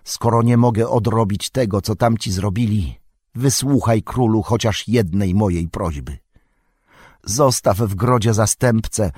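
A treacherous royal counsellor who fawns and begs, his voice pushed noticeably higher and whining, as a man voices him. The husky, breathy edge stays on every plea. It is a storybook reading, closely recorded with a dry sound. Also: darkish tone, dry recording. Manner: pleading, servile, whining. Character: cringing, wheedling male royal counsellor, treacherous.

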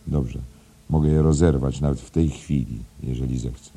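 A man voicing a quiet, brooding young teacher who speaks in a subdued, terse way in an audiobook. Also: a bass voice, steady tone, normal speed, husky, exaggerated voice.

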